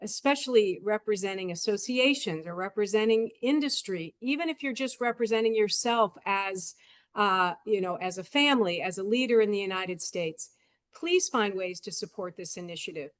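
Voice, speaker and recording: Woman on a video call making a heartfelt pitch, dry close sound. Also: expressive, moderate pace, dry recording. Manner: earnest, appealing to listeners. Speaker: guest speaker supporting the program.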